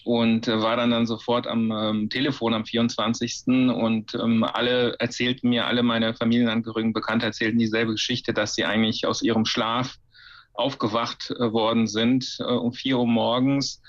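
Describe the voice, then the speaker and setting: A man's voice: mid-range voice, completely flat delivery, normal speed, muffled recording. A man from Ukraine, a historian answering interview questions with many fillers and restarts. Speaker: historian guest.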